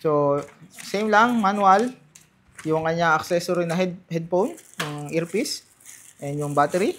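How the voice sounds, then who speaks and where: Higher-voiced Filipino man, casual unboxing. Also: animated, measured pace, a bit bright, slight background noise. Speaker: gadget vlogger. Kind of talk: casual hands-on unboxing and testing.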